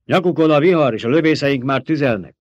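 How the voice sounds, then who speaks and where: A man's voice: medium pitch, no echo, pitched above the performer's own voice, close to an everyday voice. A man reading as a loyal male desert fighter calling out urgent battle reports. the voice is dry and close. the recording is dull and lo-fi, like an audiobook.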